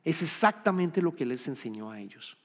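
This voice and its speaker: Preacher, male, slightly high voice, earnest sermon delivery with repeated phrases, recorded in a reverberant hall. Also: expressive, normal speed. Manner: earnest, repeats key phrases, restarts words. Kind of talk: Bible-study sermon.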